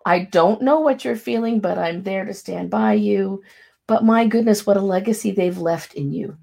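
A woman's voice: mid-range voice, moderate pace, vocal fry, warm tone. A woman therapist co-hosting a chat show, speaking in a supportive, wry way. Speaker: therapist and co-host. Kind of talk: casual conversation.

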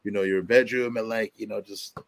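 A man's voice: lowish voice, steady tone, brisk, dry recording. A man, a guest rap artist, in casual chat, laid-back and slangy, swearing freely.

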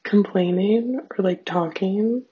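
A young adult woman with a raspy voice and vocal fry, chatting casually in a rambling, self-deprecating solo diary full of fillers. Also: medium pitch, slow pace, slight background noise. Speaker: host of a personal audio diary. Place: small bathroom at home, sitting on floor. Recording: dull, lo-fi home recording.

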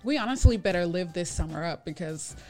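A woman's voice: on the low side, soft background music. Chatty woman co-hosting a casual podcast. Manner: relaxed, chatty, with frequent "um" and "excuse me" pauses. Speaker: podcast co-host. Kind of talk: casual chat.

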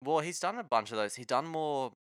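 A man's voice: on the high side, animated, fairly quick, a bit bright, no room sound, studio quality. A man chatting casually about sport in a laid-back, slangy way. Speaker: sports talk co-host.

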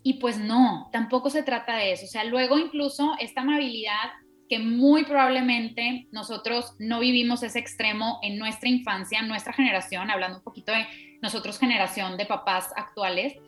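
A woman talks through parenting ideas in a casual, steady way, piling up example after example. Her voice sits a little high. Soft music plays faintly underneath. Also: moderate pace. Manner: explains steadily with many examples. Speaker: parenting podcast co-host. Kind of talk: casual explanatory chat.

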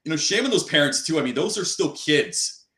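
A man hosts an interview in a high-leaning voice that is pushed and bright, with lively intonation and a brisk pace. He rambles through lengthy turns full of fillers like "you know," recorded with a roomy sound.

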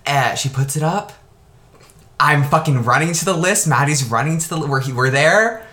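Animated young man, lively swearing storyteller. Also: on the high side, moderate pace, roomy sound. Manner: animated, swearing, laughing often. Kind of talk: casual storytelling chat.

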